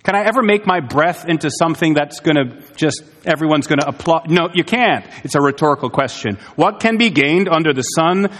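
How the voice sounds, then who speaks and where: A man's voice: a little high, fairly bright tone. Man preaching in a reverberant church. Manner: earnest, emphatic preaching with rhetorical questions. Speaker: pastor. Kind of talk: sermon. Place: church sanctuary. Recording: long hall reverb.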